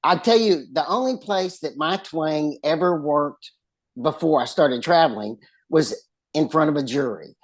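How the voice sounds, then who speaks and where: A man's voice: a little high, unhurried. A man with a West Texas twang, telling stories in casual conversation. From West Texas, United States. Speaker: lawyer and author, in conversation.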